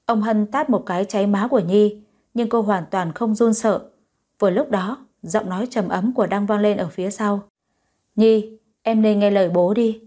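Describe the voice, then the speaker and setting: A woman narrating a romantic drama story in an expressive, scripted way. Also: mid-range voice, moderate pace.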